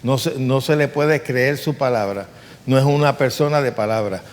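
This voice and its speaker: A man preaches with earnest emphasis and keeps putting rhetorical questions to his listeners. His voice sits at an ordinary middle pitch. The sound rings out with the long reverb of a large church hall. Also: moderate pace. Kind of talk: sermon.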